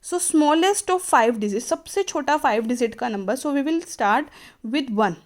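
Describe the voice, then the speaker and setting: A woman teacher with an Indian accent explains a maths lesson in a high-pitched, animated voice. She speaks English slowly and carefully but switches to quick asides in Hindi.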